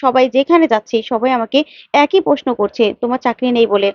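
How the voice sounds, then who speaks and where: A woman's voice: high-pitched, animated, quick pace, dry recording. A woman voicing a quarrelsome young wife who answers back indignantly and repeats herself. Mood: defiant. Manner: indignant, repeats herself, pleading to her mother. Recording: dull lo-fi, dry.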